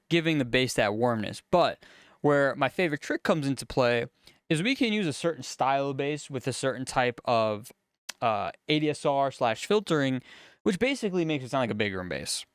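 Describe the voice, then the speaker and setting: A man's voice: medium pitch, moderate pace, smooth, no room sound. A man, a music producer, casually talking through a studio session as he works in a music studio. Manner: relaxed, chatty, explains as he works.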